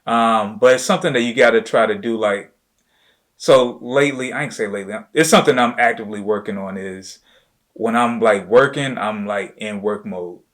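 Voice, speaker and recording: Man, host, fairly low pitch, casual chat, loose informal talk, lots of fillers. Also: normal speed, fairly bright tone. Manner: loose and informal, full of "you know" and "like". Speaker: host, entrepreneur. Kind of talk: casual chat with his wife.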